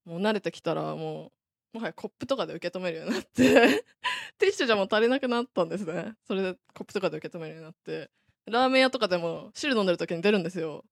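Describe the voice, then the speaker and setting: A young woman from Saitama introducing herself with an animated story. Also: medium pitch, rapid-fire, vocal fry, no room sound, clean studio sound. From Saitama, Japan. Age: young adult. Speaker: new student guest. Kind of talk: self-introduction anecdote.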